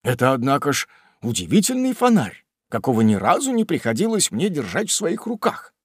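A man doing an excitable, courtly old gentleman. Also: medium pitch, a little fast, slightly rough, no room sound, studio quality. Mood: excited.

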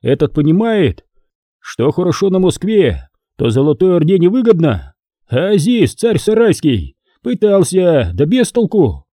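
A male narrator voicing a boastful, gruff former outlaw who shouts down nobles and rouses peasants in an audiobook. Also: high voice, sing-song, a little slow, dry recording, clean studio sound, voice pushed up, heavily acted. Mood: rousing. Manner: blustering, shouting and mocking.

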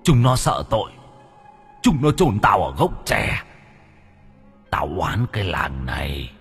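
A man voicing the vengeful ghost of a murdered male dog thief, gruff, low and menacing. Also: big pitch swings, slow pace, fairly bright tone, long reverb tail, faint music behind, heavily acted. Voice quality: gruff, booming.

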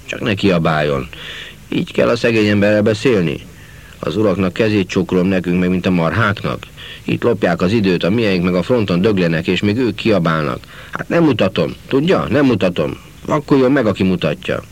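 A man's voice: lowish voice, big pitch swings, few pauses, pitched above the performer's own voice. A man voicing a quarrelsome woman market vendor, shrieking and scolding on a crowded train.

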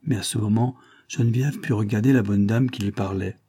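Husky guy narrating an audiobook, measured and dramatic, mellow dark tone. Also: lowish voice. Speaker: audiobook reader.

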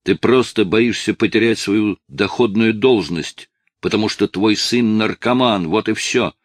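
A man's voice: on the low side, a little slow. A man voicing a desperate teenage addict. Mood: agitated. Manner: shouting, pleading, sobbing. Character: desperate eighteen-year-old male addict, tearful and abusive.

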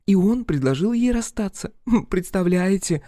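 A catty young woman, as a man puts her on, chatting away in a gossipy, scornful rush for an audiobook. The voice sits fairly high yet sounds dark and mellow. The recording is dry and close. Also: lively intonation, normal speed, dry recording. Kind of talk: audiobook character voicing.

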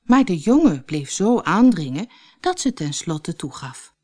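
Slow, expressive woman reading a fairy tale. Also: lowish voice. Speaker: storyteller. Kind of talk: fairy tale audiobook narration.

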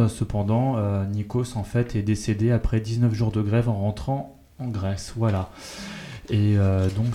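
A man's voice: medium pitch, warm tone. A man presenting announcements on a community radio show, hesitant with many fillers.

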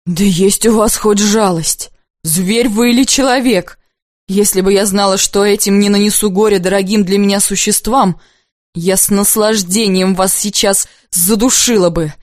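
A woman's voice: mid-range voice, fairly even intonation, dry recording, clean studio sound, close to an everyday voice. A woman reading a fierce, bitter spinster. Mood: furious. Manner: intense, accusing, slow and heavy at times. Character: proud, bitter unmarried woman, fierce and stern. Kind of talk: audiobook dialogue reading.

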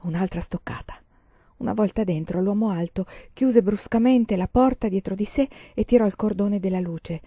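A woman reading a novel aloud as an audiobook narrator, in a measured storytelling manner, on a dull lo-fi recording. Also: mid-range voice, warm tone, dry recording. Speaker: audiobook reader.

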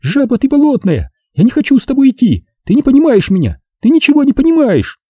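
A wild, desperate young woman, put on by a male narrator shrieks in a high, shrill voice. Under the raised pitch sits a husky, dark grain, and the sound is dry and close. She pleads one moment and hurls insults the next. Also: sing-song, quick pace, no room sound, full character voice. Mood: furious.

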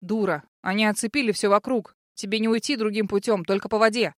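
A woman's voice: medium pitch, steady tone, fast talker, dry recording, clean studio sound, lightly acted. A woman reading a pushy young male thief. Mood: urgent. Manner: urgent, pushy commands. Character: brash young male thief, bossy and blunt.

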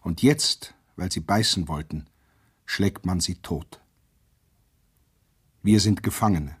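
A man with a husky, low-pitched voice reads a first-person account. His delivery is grave and intense, and it climbs at the quoted cries. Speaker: narrator.

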